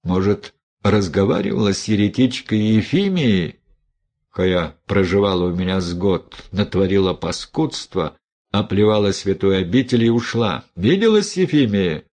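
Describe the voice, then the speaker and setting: A man's voice: on the low side, expressive, normal speed, a little mellow. A man voicing a severe, reproachful older abbess who preaches and questions sharply. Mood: stern rebuke. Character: stern older abbess of a women's convent.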